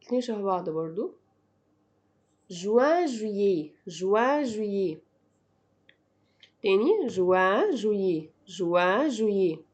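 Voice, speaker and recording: Woman drilling words slowly, Egyptian accent. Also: mid-range voice, sing-song, a little mellow. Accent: Egyptian Arabic. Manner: repeats words slowly and clearly for practice. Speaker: French teacher. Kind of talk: slow drilling language lesson.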